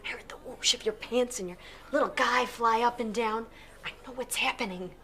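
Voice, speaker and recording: An actress playing a flustered young woman on a blind date, nervous and quick to protest. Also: fairly high pitch, sharp tone. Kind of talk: comedy sketch acting.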